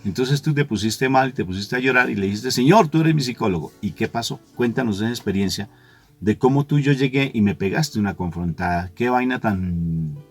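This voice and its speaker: A man's voice: mid-range voice, a little fast, soft background music. Man telling a story animatedly. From Colombia. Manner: animated storyteller, acts out quoted voices. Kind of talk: storytelling religious talk.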